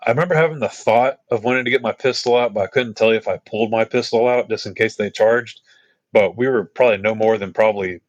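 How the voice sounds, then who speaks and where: With no echo and the highs cut off, a deep-voiced Texan tells casual, meandering trail stories on a podcast, dotted with fillers and asides.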